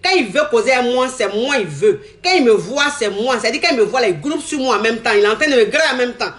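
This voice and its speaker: This is a young woman, and her voice sits somewhat high. She tells her own story with animation, circling back over the same lines. She acts out bits of what others said along the way. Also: fast. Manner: animated, repeats herself, acts out quoted talk. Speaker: woman giving a testimony. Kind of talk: candid personal storytelling.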